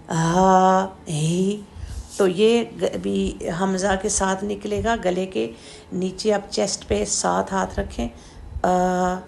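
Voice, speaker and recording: A woman teaching Quranic letter pronunciation, explaining slowly and demonstrating throat sounds with repeated drawn-out syllables. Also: medium pitch, gravelly, darkish tone, slight background noise. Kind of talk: slow step-by-step pronunciation lesson.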